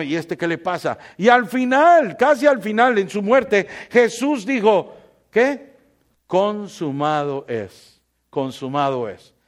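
A man preaching a sermon to a congregation, moving between hushed storytelling and loud, impassioned preaching, joking with the crowd. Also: high voice. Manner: jokes with the congregation. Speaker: pastor. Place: church before a congregation.

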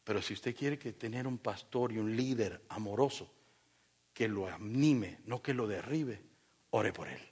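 A man preaching a sermon as pastor, animated and joking as he tells personal stories to his congregation. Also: lowish voice, a little slow, slightly rough.

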